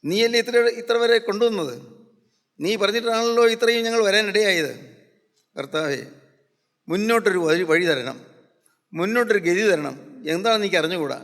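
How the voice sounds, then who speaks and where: Man voicing Moses, desperate praying leader, pleading, high-pitched, long hall echo. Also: animated, normal speed, long pauses, a bit bright. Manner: pleading, preacher's retelling.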